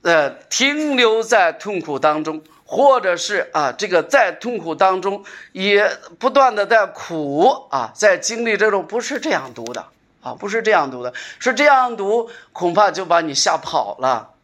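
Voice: medium pitch, big pitch swings, unhurried, a bit bright. A preacher giving an earnest sermon to a congregation, repeating phrases for emphasis, asking rhetorical questions and calling for responses.

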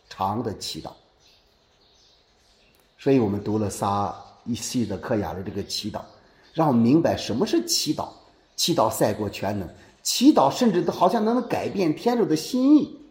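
Lively preaching man in an echoey church. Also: fairly high pitch. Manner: lively preaching with rhetorical questions. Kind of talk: sermon. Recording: echoey room.

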